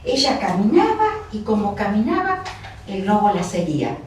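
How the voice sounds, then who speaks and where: Lively Argentine woman telling a story. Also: medium pitch. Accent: Argentine Spanish. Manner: lively, expressive, slows for effect. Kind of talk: live oral storytelling. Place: museum house room with audience. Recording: echoey room, distant mic, faint noise.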